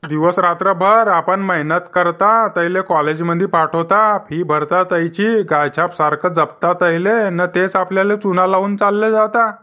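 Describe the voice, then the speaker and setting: Man voicing a grumbling village farmer, high and bright. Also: fairly even intonation, unhurried, hardly any pauses. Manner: scolding, rustic banter. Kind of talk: cartoon comedy voice acting.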